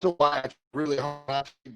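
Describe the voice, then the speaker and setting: A man talking as a guest over a lagging online call, his voice coming through robotic and metallic, with halting speech and repeated words. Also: a little high, fairly even intonation, over music. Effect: robotic, metallic glitching call audio. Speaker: guest answering listener questions. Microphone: online video call. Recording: distant, choppy internet call.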